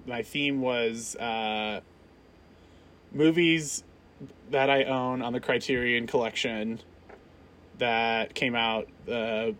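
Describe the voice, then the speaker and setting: A man's voice: medium pitch, a bit bright. A man in his thirties hosting a film podcast in casual chat, laughing often and restarting his phrases. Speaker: podcast host.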